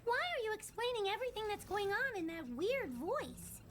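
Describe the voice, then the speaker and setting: A woman's voice: extremely high pitch, big pitch swings, moderate pace, noisy background. A woman voicing an eager, cheeky young boy bee with a childlike, pert delivery in a cartoon audio drama. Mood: cheeky, curious. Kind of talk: animated audio drama acting.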